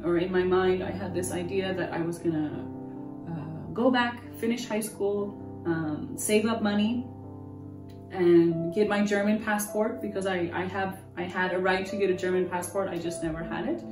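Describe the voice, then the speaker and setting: This interview features an American woman in her twenties, speaking at a normal speed in a lowish voice with fairly even intonation. She tells her story in a candid, rambling way, frequently starting over. Guitar music plays in the background, recorded through a roomy, distant mic.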